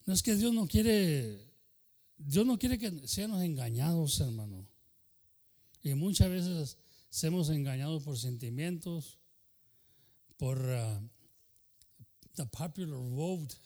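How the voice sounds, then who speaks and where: Man, pastor, fervent bilingual sermon, high voice. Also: lively intonation, slow pace, long pauses, warm tone. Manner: switches between Spanish and English mid-sentence; fervent preaching punctuated by "aleluya" and "hermano".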